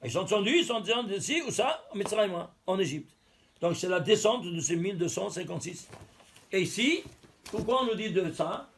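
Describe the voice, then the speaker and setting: A man's voice: high voice, expressive, brisk, a bit bright, a little hiss or hum. A man giving a religious text lesson, explaining step by step, counting letters aloud and asking and answering his own questions. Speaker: teacher.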